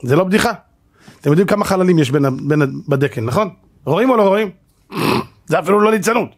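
A man's voice: high voice, animated. A man, a rabbi, giving a sermon-style Torah lecture before a live audience, telling a story dramatically and asking the listeners rhetorical questions.

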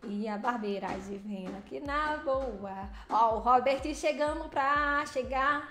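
A woman's voice: high-pitched, takes it slowly, a bit bright, roomy sound, faint music behind. A woman chatting casually on a livestream while driving, playfully greeting viewers by name. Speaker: livestreaming truck driver. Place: vehicle cab while driving.

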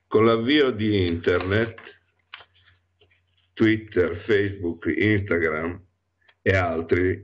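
A man hosting a radio show alone, speaking haltingly with many fillers while ill from allergies. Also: deep voice, creaky. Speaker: radio host. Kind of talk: reflective radio monologue. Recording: dull lo-fi radio audio.

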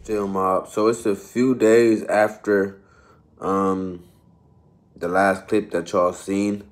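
A man's voice: sits low, little pitch movement, slow pace. A young man in his twenties talking casually to his viewers in a travel vlog, filmed on a phone held at arm's length in an airport and a car. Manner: laid-back slangy talk to viewers. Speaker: vlogger. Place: airport terminal, walkway and parked car. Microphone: phone held low at arm's length. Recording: noisy background.

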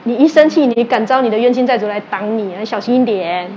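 A fast-talking woman with a fairly high pitch delivers a sermon as a religious teacher, speaking Taiwanese Mandarin that mixes in Taiwanese Hokkien. She acts out quoted exchanges within lively stories and poses questions to listeners. The recording is muffled, with slight background noise.

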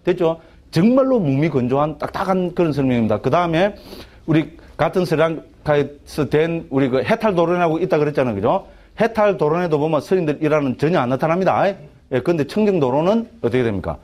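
Fast-talking monk lecturing, Gyeongsang accent. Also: male voice, a little high, animated, darkish tone. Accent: Gyeongsang Korean. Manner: chatty, asks "right?" constantly, many restarts. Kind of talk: Buddhist text lecture to a class.

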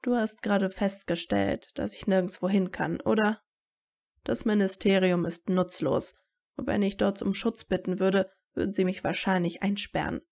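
A woman's voice: medium pitch, fairly even intonation, normal speed, creaky, a little mellow. A woman reading as a wary, bitter teen wizard. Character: guarded teenage wizard boy, wary and bitter.

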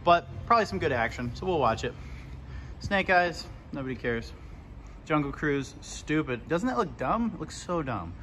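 This man strolls a shopping mall filming himself at arm's length, delivering sarcastic, blunt remarks in a relaxed way. His slightly high voice swings widely in pitch, moving at a moderate pace with a fairly bright tone, over noisy mall background.

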